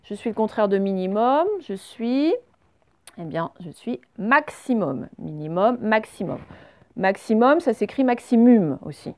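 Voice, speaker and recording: Woman spelling words slowly for pupils. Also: mid-range voice, expressive, a little mellow. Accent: French. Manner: slow, clear, spells words out letter by letter. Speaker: teacher. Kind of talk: reading and spelling lesson for children.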